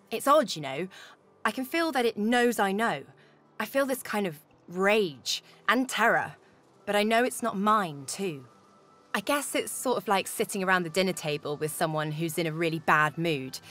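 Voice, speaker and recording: A woman's voice: medium pitch, fairly bright tone, lightly acted. A woman playing a wry, easygoing musician companion in a video game, talking in a casual, reflective way. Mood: uneasy, reflective. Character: wry, easygoing female musician haunted by inner spirits.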